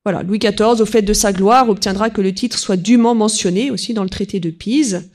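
Woman lecturer, unscripted talk, halting delivery with frequent filler words between points. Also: medium pitch, a little mellow. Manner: hesitant, peppered with "voilà" and "hein", reads quotes aloud.

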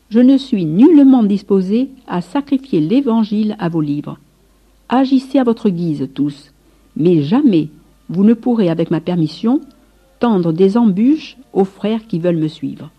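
A woman reading aloud and voicing a frail, aging male saint who speaks gravely and sternly, on a slightly muffled recording. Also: medium pitch, a little slow, close to an everyday voice. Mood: indignant.

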